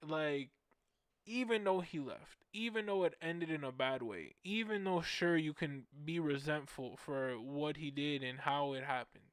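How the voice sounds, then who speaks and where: Excited young man with a smooth voice. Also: a little high, measured pace, dry recording, studio quality. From Orlando, Florida, USA. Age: 20s. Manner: animated, slangy, repetitive emphatic phrasing. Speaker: fan show host. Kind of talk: casual storytelling.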